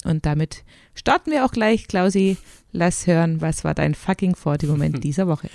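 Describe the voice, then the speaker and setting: Gravelly woman in her 40s co-hosting a podcast, low voice, dry sound, teasing and chatty. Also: moderate pace, darkish tone, dry recording. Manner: teasing, chatty, laughs often. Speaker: podcast co-host. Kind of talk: casual podcast chat.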